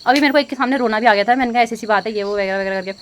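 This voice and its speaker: A young woman speaks fast and somewhat high to her phone camera, upset and rambling. She restarts her sentences often and fills the gaps with hesitations. Her talk is an unscripted casual vlog. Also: slight background noise. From India. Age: young adult. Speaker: vlogger.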